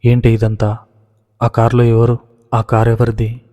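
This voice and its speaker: A man's voice: mid-range voice, monotone, a little slow, mellow, in a large hall, natural voice. A man reading a distraught anxious mother. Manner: anxious, wailing questions.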